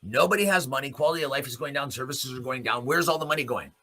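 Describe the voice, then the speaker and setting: A Canadian man hosting a news commentary show rants quickly in a bright, forceful, mid-range voice. Off the cuff and profane, he's blunt and sardonic, throwing out pointed rhetorical questions.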